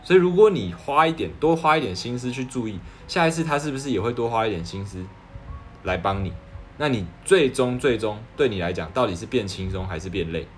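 A man's voice: medium pitch, expressive, brisk, faint music behind. A man. He is a young doctor giving casual advice, earnest and persuasive, often asking rhetorical questions. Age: 20s.

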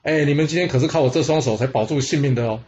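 A man's voice: fairly high pitch, very fast, darkish tone, echoey room, dull audio, lightly acted. Man doing a cocky strong general, chill and cheery. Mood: carefree. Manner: easygoing, cheerful calling out. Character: carefree, boastful strongman general.

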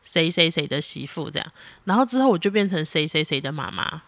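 A woman, chatting casually on a podcast as a mother talking with her child, animated and exasperated in a teasing way. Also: sits low, a little fast, dry recording.

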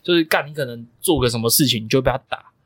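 A man's voice: medium pitch, rapid-fire, fairly bright tone, husky, no room sound. A young man, a coach co-hosting a podcast, telling stories emphatically and swearing freely. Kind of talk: casual podcast chat.

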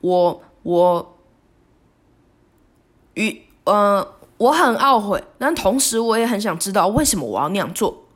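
Woman doing a solo podcast, halting and sorry-sounding, lots of restarts. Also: medium pitch, big pitch swings. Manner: halting, remorseful, with frequent restarts. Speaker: podcast host. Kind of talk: reflective solo podcast monologue.

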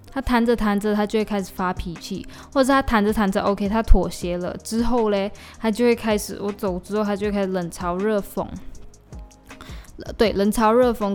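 A woman's voice: medium pitch, a little mellow. A young woman, venting in casual podcast chat and slipping into English now and then. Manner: venting, weary, drifts into English exclamations. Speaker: podcast host.

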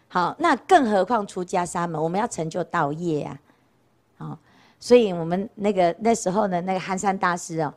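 A woman, a Buddhist nun giving a casual storytelling dharma talk and often asking her listeners "right?". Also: fairly high pitch. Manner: chatty, keeps asking rhetorical "right?" questions. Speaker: Buddhist nun lecturing on scripture. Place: temple lecture hall.

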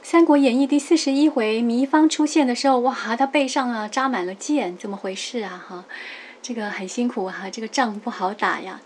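A middle-aged woman lecturing on classical poetry, explaining characters patiently, reading verses slowly and often adding a soft "ha". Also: a little high, a little hiss or hum. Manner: lively, explains patiently, ends many phrases with a soft "ha"; reads quoted verses slowly and with emphasis.

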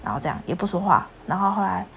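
A young woman co-hosting a podcast with her husband, telling a story in a lively way and pressing him to admit he was wrong. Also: lowish voice, fast talker, creaky, a little hiss or hum. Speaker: podcast co-host. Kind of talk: casual chat.

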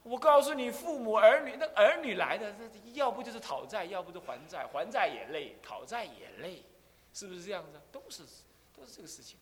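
Animated abbot lecturing with hall echo. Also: male voice, high voice, a little fast. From Taiwan. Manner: animated, acts out voices, rhetorical questions. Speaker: Buddhist abbot, teacher. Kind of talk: dharma lecture with storytelling. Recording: long hall reverb.

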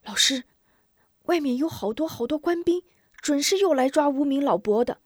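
A woman voicing an eager young boy who pleads urgently in a high, loud voice. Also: animated, normal speed, no echo, clean studio sound.

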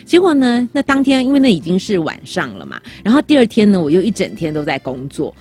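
A woman with a Taiwanese Mandarin accent, co-hosting a chat podcast and telling a personal story in an animated way, acting out the quoted dialogue. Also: mid-range voice, fast, breathy edge, faint music behind. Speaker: podcast co-host. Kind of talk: casual chat.

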